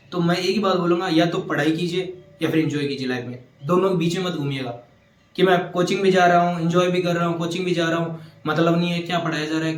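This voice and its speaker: A young government engineer from Rajasthan, India, gives an earnest motivational talk with exam advice, repeating his points and mixing in English terms. His voice sits high, and the room is echoey.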